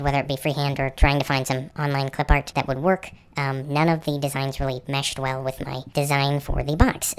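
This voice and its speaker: A man presenting a casual, explanatory slideshow narration, his voice electronically pitched up like a helium chipmunk. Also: clean tone. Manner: conversational, explanatory. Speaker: channel host presenter.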